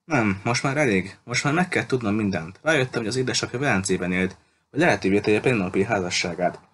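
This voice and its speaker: A man's voice: on the low side, fairly bright tone, slight background noise, lightly acted. A man voicing a distraught teenage boy who keeps pressing for answers in an audiobook reading. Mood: demanding. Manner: pleading, urgent questioning.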